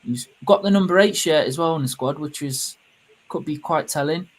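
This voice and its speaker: Higher-voiced British man chatting. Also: normal speed. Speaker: podcast co-host. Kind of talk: casual chat.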